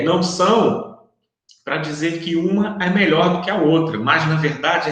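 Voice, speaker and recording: A man's voice: on the high side, a bit bright. A man giving a recorded online university lecture, explaining step by step and often checking that students follow along. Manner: explanatory, checks understanding with frequent tags. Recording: very echoey room.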